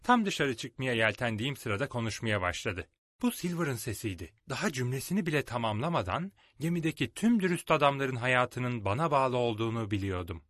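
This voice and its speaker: A man reads a storybook aloud with an animated voice that rises and falls. He tells the tale expressively. The sound is dry and close to the mic. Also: medium pitch, a little fast, no echo. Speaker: narrator.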